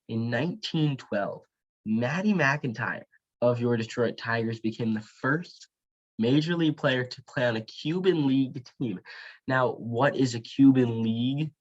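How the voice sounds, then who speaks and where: A man giving baseball play-by-play commentary in a conversational, explanatory broadcast manner. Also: mid-range voice. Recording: dull, lo-fi sound.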